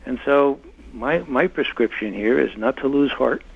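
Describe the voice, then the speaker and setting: Gravelly older man, impassioned guest. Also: medium pitch, a little slow, phone-quality sound. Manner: impassioned, emphatic. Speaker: interview guest, former intelligence analyst. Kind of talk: conversational interview.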